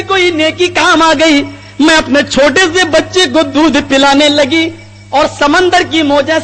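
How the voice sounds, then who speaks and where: Devout mother in distress, told by a high-voiced preacher. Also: a bit bright. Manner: pleading, storytelling. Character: grieving devout mother, middle-aged woman. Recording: long hall reverb, faint music.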